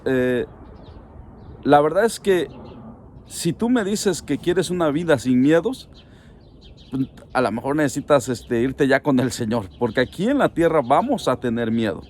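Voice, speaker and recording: A man's voice: mid-range voice, animated, unhurried, darkish tone, a little hiss or hum. A middle-aged man, a pastor preaching a sermon in an earnest, pleading way, speaking straight to the listener.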